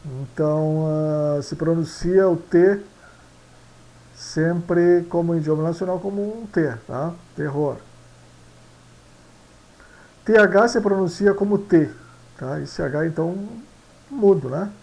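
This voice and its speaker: A man explaining Latin pronunciation slowly and repetitively, mixing in Spanish phrases and often asking "né?". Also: on the high side, gravelly, darkish tone, low-quality recording. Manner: slow, repetitive, tag questions after each point; mixes Spanish phrases into Portuguese. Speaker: language teacher.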